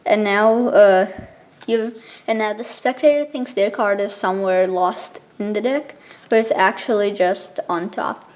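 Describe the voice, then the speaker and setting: A woman explaining something step by step in a casual, informal tutorial style, with halting pauses between steps. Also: mid-range voice, darkish tone. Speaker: card trick tutorial presenter.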